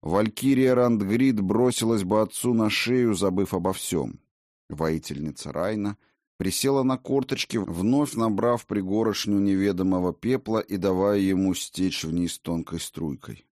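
A man's voice: fairly low pitch, measured pace, a little mellow, dry recording, studio quality. Man narrating a fantasy audiobook.

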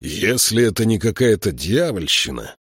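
A man reading the lines of a gruff, suspicious soldier in an audiobook. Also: fairly low pitch, big pitch swings, normal speed, a bit bright, no room sound, studio quality, full character voice.

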